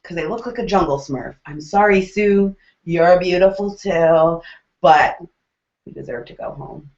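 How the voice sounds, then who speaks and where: A woman co-hosting a casual TV recap chat, animated, jokey and opinionated. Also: lowish voice, unhurried. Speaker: co-host. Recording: roomy, dull lo-fi recording.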